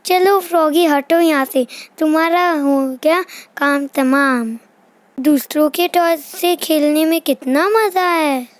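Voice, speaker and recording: A woman's voice: sits high, slow, no echo. A woman voicing a mischievous little boy in a toy doll play, muttering slyly to himself. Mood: sneaky.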